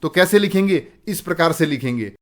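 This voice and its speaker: A man from India explaining a Sanskrit alphabet lesson to students, pausing to repeat syllables slowly and clearly. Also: fairly high pitch, animated. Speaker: Sanskrit teacher.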